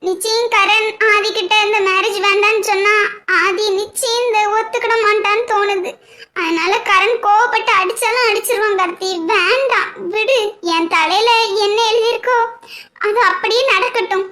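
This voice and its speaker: Squeaky sad young heroine voiced by a woman, bright, pleading, amateur cartoon. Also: steady tone, moderate pace. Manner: pleading, tearful. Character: young woman, gentle, sorrowful, resigned to fate.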